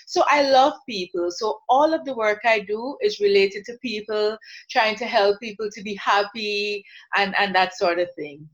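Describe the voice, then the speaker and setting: A woman's voice: medium pitch, moderate pace. A woman from Guyana, a counsellor, talking earnestly and reflectively as an interview guest.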